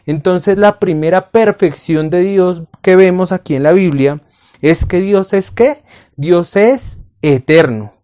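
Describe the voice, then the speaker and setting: Slow, emphatic male Bible teacher. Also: high-pitched, mellow. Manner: slow, emphatic, asks questions and answers them; addresses the listener as friend. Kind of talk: recorded Bible lesson to camera.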